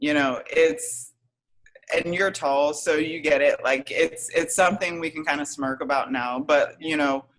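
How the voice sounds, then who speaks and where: A woman in her thirties, a podcast guest telling her own story in a hesitant, reflective way with many pauses and fillers. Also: deep voice, fairly even intonation, rough recording. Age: 30s. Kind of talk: casual interview storytelling.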